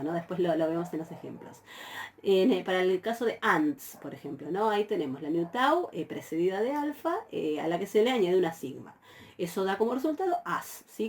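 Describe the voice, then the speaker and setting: A woman's voice: mid-range voice, darkish tone, slight background noise. A woman from Argentina, teaching a university Greek grammar class with patient explanations and frequent fillers. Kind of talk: recorded lecture.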